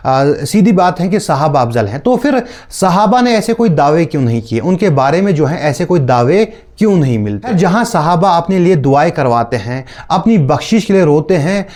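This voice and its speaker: A man with a slightly high, slightly mellow voice hosts a video commentary channel, where he offers casual, mocking takes on preacher clips in a teasing, sarcastic style.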